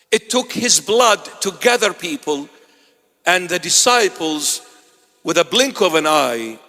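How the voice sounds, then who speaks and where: A man preaching a sermon as a bishop, swinging from loud exclamations to hushed asides with wry humor. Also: fairly high pitch. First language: Assyrian. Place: church. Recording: long church reverb.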